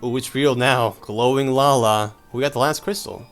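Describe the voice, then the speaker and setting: Playful man gaming over loud background music. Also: medium pitch, a little fast. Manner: playful, casual, jokey asides. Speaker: gamer playing an online game with a group. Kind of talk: casual gameplay commentary. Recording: loud game music behind. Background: game music.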